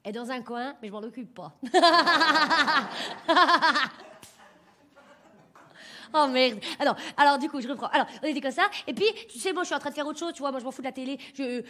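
A woman's voice: sits high, lightly acted. A woman comedian playing a crude, boastful working-class mother who rambles with lots of fillers and swearing. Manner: vulgar, rambling, full of fillers. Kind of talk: stand-up character monologue.

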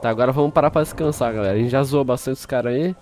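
A young Brazilian man giving casual gameplay commentary, playful, laughing often and breaking into shrill panicked yelps. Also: very fast, a little mellow, slight background noise. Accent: Brazilian Portuguese. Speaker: gaming YouTuber.

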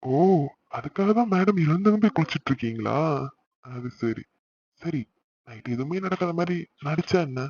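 A man's voice: fairly high pitch, lively intonation, normal speed, long pauses, a little mellow. A man voicing a playful, teasing young husband in a cartoon. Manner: playful, mock-innocent. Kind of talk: cartoon voice acting. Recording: slightly dull lo-fi sound.

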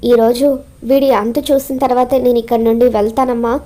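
A woman's voice: on the high side, level tone, fairly quick, mellow, lightly acted. A woman voicing a stern wealthy father who scolds and threatens. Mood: angry.

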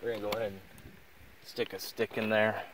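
A man's voice: lowish voice, flat delivery, brisk, a bit bright. Easygoing young man, noisy outdoor phone clip. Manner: easygoing, explanatory, joking. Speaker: vlog host. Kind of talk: casual outdoor demonstration. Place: outdoors beside a highway on lava rock.

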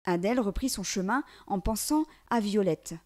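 Gentle woman reading a storybook aloud. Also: medium pitch. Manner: gentle, measured, expressive.

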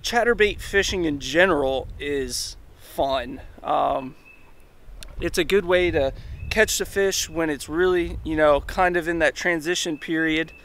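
A man's voice: a little high, unhurried. A man, talking casually to an action camera outdoors about fishing, rambling with fillers. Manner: excited exclamations while landing fish, relaxed rambling with fillers. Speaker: kayak fishing vlogger. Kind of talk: casual vlog talk to camera. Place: outdoors, on a kayak on a lake and in woods. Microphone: action camera, close selfie framing.

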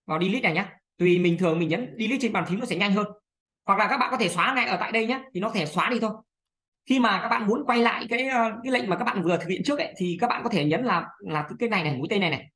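Brisk woman tutor, walking viewers through software on screen, chatty with fillers. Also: mid-range voice. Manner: chatty, fillers, many "đây này" pointers. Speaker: video editing tutor.

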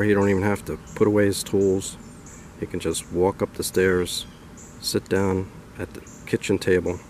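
A man tells a homespun story in a relaxed, rambling way, his voice sitting a little low. Steady noise runs behind him on a homemade recording. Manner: folksy, rambling. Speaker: storyteller vlogger. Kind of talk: casual storytelling.

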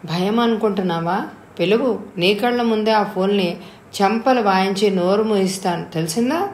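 Narrator doing a bold, quick-tempered young woman in a storybook reading, echoey room. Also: mid-range voice, darkish tone, lightly acted. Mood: indignant. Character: headstrong, moody young woman, childish.

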